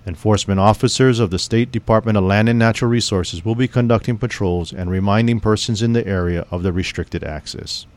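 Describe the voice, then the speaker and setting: A man reading a scripted civil defense information broadcast in a formal, measured, grave manner. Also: fairly low pitch, darkish tone.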